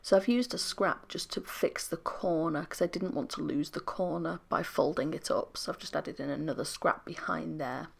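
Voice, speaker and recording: A British woman, unwell and losing her voice, narrating a crafting video voiceover very close to the microphone in a soft, half-whispered, apologetic ramble. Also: sits low, normal speed, gravelly, few pauses, husky. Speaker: scrapbooking channel host.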